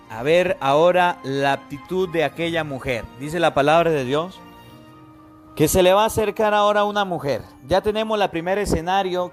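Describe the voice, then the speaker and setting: A man, a priest giving an emphatic gospel homily who calls his listeners to attention and acts out the pleas he quotes. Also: fairly high pitch. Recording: faint music behind.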